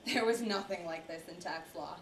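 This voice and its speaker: A woman's voice: on the low side, normal speed, a little hiss or hum, natural voice. Young woman performing a frank, teasing ex-lawyer dominatrix. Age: young adult. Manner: frank, teasing, breaks into laughter. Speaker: student actor. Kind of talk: staged monologue performance. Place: college building stage before an audience. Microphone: distant camera mic. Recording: roomy, distant live-hall recording.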